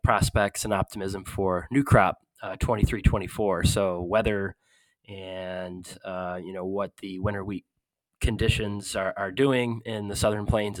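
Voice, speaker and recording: A man with a low voice explains market figures in a steady, even way. His delivery stays flat and the recording is dry and close. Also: no room sound, rough recording. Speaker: market analyst. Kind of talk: podcast market commentary.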